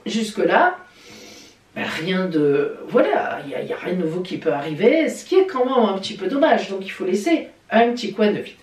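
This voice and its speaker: A woman astrologer talks through her weekly horoscope with a lot of pitch movement, chatty and playful. Her voice sits a little back from the mic in an echoey room. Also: normal speed, distant mic. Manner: lively and chatty, with playful exclamations. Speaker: astrologer and psychic. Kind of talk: weekly horoscope video talk.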